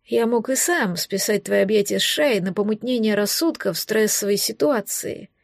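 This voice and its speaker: A woman's voice: medium pitch, moderate pace, creaky, no echo. A woman voicing a mysterious sardonic man in an audiobook, speaking in a dry, musing, condescending way. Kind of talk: audiobook reading.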